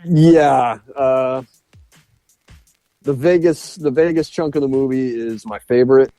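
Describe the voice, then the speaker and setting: A man co-hosting a casual film podcast, retelling scenes with plenty of laughter and false starts. His voice is mellow and warm, recorded close and dry, with faint music underneath. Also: mid-range voice, a little slow, dry recording. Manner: animated retelling with frequent laughs and restarts. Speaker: podcast co-host. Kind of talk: casual film review chat.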